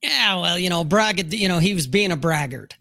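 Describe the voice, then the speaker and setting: A man's voice: high voice, expressive, brisk, gravelly, sharp tone, no echo, studio quality. A man hosting a casual talk stream, telling a story with profanity and acting out what people said. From Utah. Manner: storytelling, profane, acts out quotes. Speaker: podcast host. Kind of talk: casual chat.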